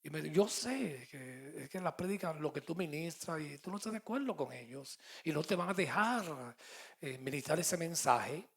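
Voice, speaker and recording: A middle-aged man with a Puerto Rican accent, a pastor preaching a sermon and telling stories, moving between loud and soft. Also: a little high, animated, moderate pace, gravelly. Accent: Puerto Rican Spanish. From Puerto Rico. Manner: storytelling with quoted dialogue, swings between loud and soft.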